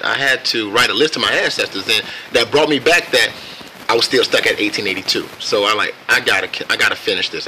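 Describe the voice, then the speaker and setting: An American man casually telling a personal story on camera in a reflective, laid-back and halting way. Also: on the low side, pushed and bright, slight background noise, low-quality recording. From United States. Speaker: vlogger.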